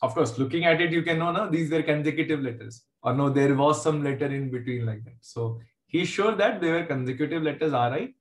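A man's voice: a little high, a little fast. A man with a South Indian accent teaching an informal online class as a maths teacher, conversational and joking with his students. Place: indoor room, online video class. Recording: roomy, echoey online class audio.

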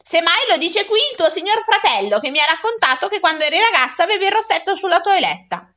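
A woman putting on a shrill melodramatic lady. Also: brisk, sharp tone, lo-fi sound. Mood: huffy. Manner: shrill, theatrical and wailing. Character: melodramatic offended middle-aged lady.

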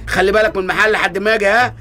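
Fast-talking Egyptian shopkeeper. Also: male voice, sits high, steady tone, bright, forceful tone, soft background music. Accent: Egyptian Arabic. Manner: fast, teasing, wheedling. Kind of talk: comic radio drama.

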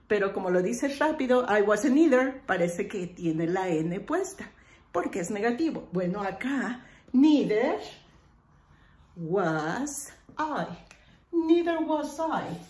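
A woman English teacher, patiently explaining grammar and slowly repeating example phrases. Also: on the high side, a little mellow, roomy sound. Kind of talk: online lesson explaining grammar.

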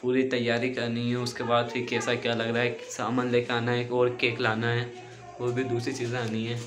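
A young man vlogging at home, talking in a low, hushed voice while setting up a surprise. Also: completely flat delivery, moderate pace, crowd noise. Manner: hushed, conspiratorial while planning. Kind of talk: casual vlog chat. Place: indoors at home. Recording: echoey room with heavy noise.

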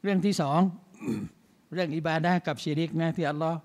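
A man's voice: on the high side, steady tone, a little fast, darkish tone. A man giving a mosque sermon as imam, in a conversational way full of rhetorical questions.

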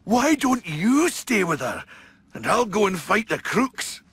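A man playing a grumpy, gruff, exasperated middle-aged sea captain in a video game. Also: high voice, very animated, measured pace, heavy background noise, exaggerated voice. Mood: reluctant. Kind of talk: video game character acting. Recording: loud music and crowd over speech.

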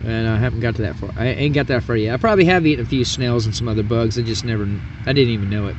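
A man's voice: medium pitch, rapid-fire. Chatty folksy guy cooking outside at night, a bit far from the mic, muffled, cars going by. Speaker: cooking vlogger. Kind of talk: casual cooking demonstration. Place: outdoors at a camp stove at night. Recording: distant, dull camera audio with outdoor noise.

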